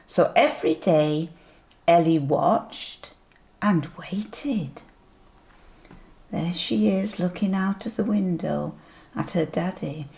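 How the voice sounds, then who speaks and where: A sweet grandmotherly older woman reading a picture book aloud to young children, gently pointing things out as she goes. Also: on the low side, creaky. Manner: slow, deliberate storytelling with asides.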